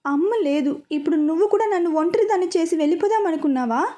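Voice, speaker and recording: A woman's voice: very high voice, expressive, quick pace, dark tone, pitched above the performer's own voice. Woman reading as a tearful young daughter.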